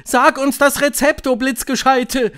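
A man reading an audiobook, voicing an excited crowd of female witches who shriek and clamour. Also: extremely high pitch, unhurried, clean tone, pitched above the performer's own voice.

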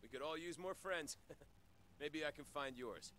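A man playing a friendly male survivor in a video game, heard over a walkie-talkie, speaking in a slow, easygoing way. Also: fairly high pitch, heavy background noise. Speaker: game character.

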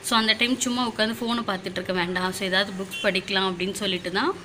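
A woman's voice: medium pitch, fairly even intonation, racing, noisy background. A woman, narrating a casual home vlog in a chatty way, full of filler words. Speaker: vlogger.

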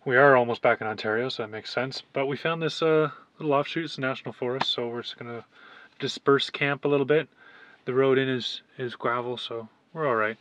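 In casual chat from inside a small parked camper van, a Canadian vlogger in his 20s to early 30s speaks fairly quickly at medium pitch with a fairly bright tone. The audio is dull, with background noise from the van.

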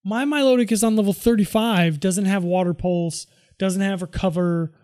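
A man's voice: high-pitched, moderate pace, darkish tone, no echo, clean studio sound. A tired man mumbling casual commentary to himself as he plays a video game. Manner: mutters reactions to himself. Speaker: let's play host.

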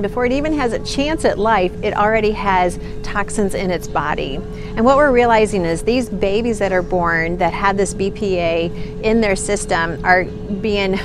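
A middle-aged woman hosting a nutrition video, talking earnestly and encouragingly to the camera in a grocery store aisle. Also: mid-range voice. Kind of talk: casual to-camera nutrition tip.

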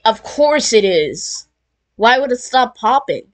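A woman voicing an excitable plushie that reacts to a video with sarcastic, exasperated remarks. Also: on the high side, slow pace, background noise. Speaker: reaction commentator.

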